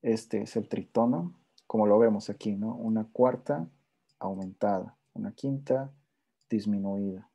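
A man teaching a relaxed music theory lesson, explaining step by step and often checking in with his listeners while playing examples on guitar. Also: lowish voice, gravelly, breathy edge. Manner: plays intervals on guitar between phrases.

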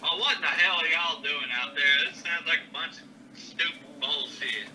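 A man puts on a rude, scornful hillbilly caller with a rural American Southern drawl. The voice is high-pitched and very bright. It comes through a distant, noisy phone line. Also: normal speed. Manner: crude, dismissive drawl.

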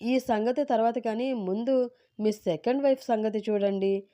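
A woman's voice: fairly high pitch, steady tone, moderate pace, warm tone, pitched above the performer's own voice, natural voice. A woman voicing a cheeky, teasing young man. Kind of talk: storybook narration.

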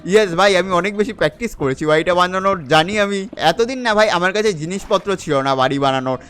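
A young male gaming host talks quickly in a high, smooth, clear voice. He gives chatty commentary on his survival game and keeps addressing the viewer as a friend. He slips English words in and out of his sentences as he plays. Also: fairly bright tone. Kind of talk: casual gameplay commentary.

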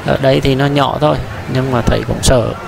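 A man with a heavily gravelly, creaky voice chats his way through an indoor amusement park, talking straight to his viewers. He rambles along with fillers and restarts in an even, flat delivery. Clear crowd and ride noise fills the space behind him. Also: mid-range voice, a little fast. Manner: chatty, addresses viewers directly, rambling with many fillers and restarts. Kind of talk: casual walking-tour commentary. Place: large indoor mall amusement park, noisy and busy.

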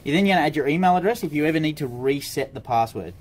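An Australian man demonstrating products for an intercom supplier gives a casual, hands-on tutorial at an indoor office desk, informally explaining each step as he works. His voice is fairly high, animated, and quick, with clear background noise and room ambience.

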